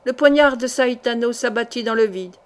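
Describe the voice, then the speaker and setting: A woman narrating an audiobook of an adventure novel, in a measured, expressive literary reading. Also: fairly high pitch. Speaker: audiobook reader.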